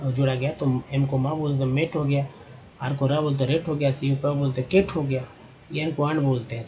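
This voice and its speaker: Man, slightly higher voice, patient teacher, repeats words slowly, spells out sounds. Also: a little hiss or hum, low-quality recording. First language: Hindi. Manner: slow, repetitive, drawn-out demonstrations of sounds. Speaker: English teacher. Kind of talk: spelling and pronunciation lesson.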